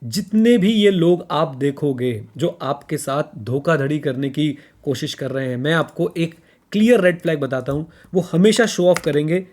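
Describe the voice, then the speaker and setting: A fairly high-pitched man, talking casually as a podcast co-host. He hammers his points home, repeating them, and slips English phrases into his speech. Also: moderate pace, darkish tone.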